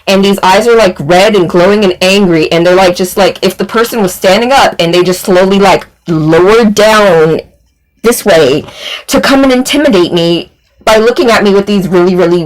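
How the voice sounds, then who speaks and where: A woman's voice: medium pitch, poor audio. A woman vlogger telling a personal story in a rambling, casual way, full of "like" fillers and swearing.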